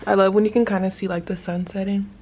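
Young woman, rambling at-home vlogger, monotone delivery. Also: mid-range voice, fast, background noise. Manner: chatty, rambling, many fillers. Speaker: vlogger, night-shift NICU nurse. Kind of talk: casual chat to camera.

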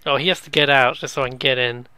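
A man's voice: mid-range voice, steady tone, fast talker, sharp tone, clean tone, dry recording. A man giving casual let's play commentary, musing aloud and joking as he goes. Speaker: gaming video host.

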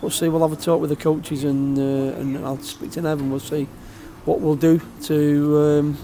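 An older man, a football manager, giving a post-match interview in an empty outdoor stadium stand, halting and repeating his words. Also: fairly high pitch, little pitch movement, dark tone, a little hiss or hum.

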